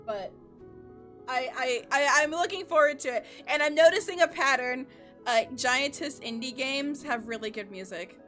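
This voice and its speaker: Woman game streamer, high bright voice, excitable, stammers and swears, soft game music behind. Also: moderate pace. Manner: excitable, swears and laughs a lot; stammers and repeats words. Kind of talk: casual live-stream chat. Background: faint game music.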